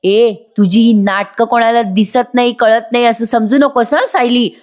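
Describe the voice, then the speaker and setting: A woman's voice: fairly high pitch, fairly even intonation, normal speed, darkish tone, close to an everyday voice. A woman voicing a rude, spoiled young woman who mocks and sneers at her family. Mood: sneering. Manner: mocking, scornful.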